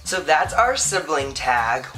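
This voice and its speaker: A man's voice: fairly high pitch, big pitch swings, slow, bright, forceful tone, faint music behind. A young man from Ohio hosting a vlog in casual chat, giggly and rambling with lots of fillers. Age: young adult. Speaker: vlog host.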